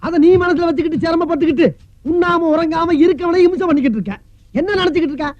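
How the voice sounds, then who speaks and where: Shrill, fast-nagging comic tenant, dry muffled film track. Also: male voice, a little mellow, no room sound. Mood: scolding. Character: mocking talkative male tenant friend. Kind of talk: Tamil film comedy dialogue. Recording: dull film soundtrack.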